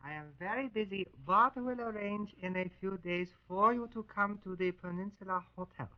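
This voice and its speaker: An actor playing a polite, arrogant colonel in a grave 1940s radio war drama, speaking formally and condescendingly. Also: male voice, sits high, normal speed, no room sound, lightly acted. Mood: courteous. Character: suave, arrogant Japanese colonel, polite captor. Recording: muffled old 1940s radio recording.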